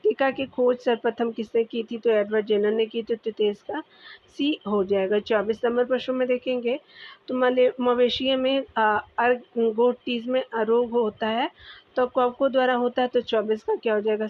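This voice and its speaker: Woman teacher with a Bihari Hindi accent and a slightly high voice, walking calmly through exam answers on a muffled lo-fi recording. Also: moderate pace, no echo. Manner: steady, repetitive, addresses viewers as dear. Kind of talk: exam quiz answer walkthrough. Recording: dull lo-fi recording.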